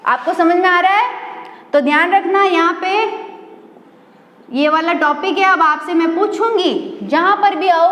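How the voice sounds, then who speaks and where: Female teacher, very high voice, unhurried and patient; echoey room with long reverb. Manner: patient, repeats words slowly and asks the class questions. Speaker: school Sanskrit teacher. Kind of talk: recorded online class lesson.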